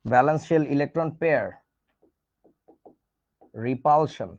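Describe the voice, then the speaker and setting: A man's voice: on the high side, a little slow, darkish tone, muffled recording. A man with a Bangladeshi Bengali accent teaching a casual online chemistry class, chatty and teasing, playfully scolding his students.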